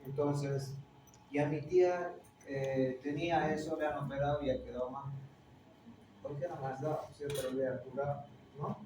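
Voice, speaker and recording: A middle-aged man with a Peruvian accent teaching a class, explaining step by step and checking students with quick tag questions. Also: on the high side, steady tone. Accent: Peruvian Spanish. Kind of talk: classroom lecture. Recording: echoey room, distant mic, faint noise.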